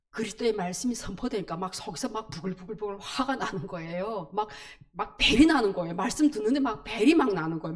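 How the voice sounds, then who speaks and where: A woman telling her conversion story in church, in an animated storytelling way with sound words. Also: medium pitch. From North Korea. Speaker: church testimony speaker. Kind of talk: personal testimony in church.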